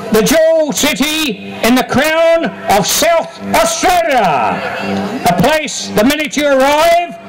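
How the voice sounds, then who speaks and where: An older man bellows a proclamation as a town crier. His voice is pushed very high and swings widely in pitch. Each phrase is drawn out ceremonially and carried through a PA on an outdoor stage. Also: low-quality recording. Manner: booming, ceremonial, drawn-out delivery. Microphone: stand microphone through PA.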